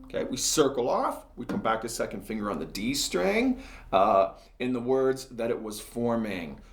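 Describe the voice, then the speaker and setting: A man's voice: mid-range voice, sing-song, moderate pace, faint music behind. Chatty man teaching cello in an echoey room. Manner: chatty, talks through each step while playing. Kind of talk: casual music lesson.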